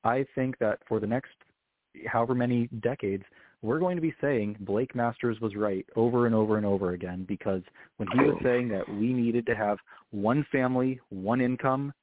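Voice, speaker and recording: A man being interviewed as a political consultant, talking earnestly and often correcting himself mid-sentence. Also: mid-range voice. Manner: fast, earnest, self-correcting. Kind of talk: interview answer. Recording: dry, tinny phone-line sound.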